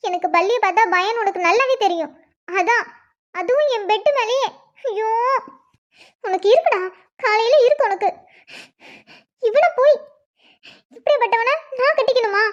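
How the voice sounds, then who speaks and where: A woman's voice: extremely high pitch, normal speed, pauses often, lo-fi sound. A woman voicing a fretful young woman who talks to herself in a cartoon. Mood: angry.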